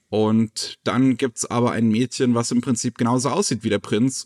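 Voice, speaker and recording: A man's voice: medium pitch, no echo, studio quality. Chatty man presenting anime news. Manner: relaxed, chatty, many fillers. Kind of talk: casual chat.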